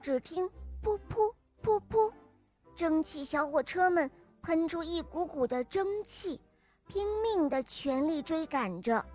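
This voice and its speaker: A woman narrating a children's story about toy trains in a lively, friendly voice, as the show's regular storyteller. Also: high-pitched.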